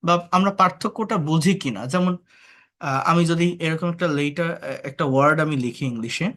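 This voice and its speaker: The Bangladeshi English tutor speaks a little fast here, his slightly high, somewhat bright voice full of lively intonation. In his online class he explains patiently, asks rhetorical questions, and mixes in English words.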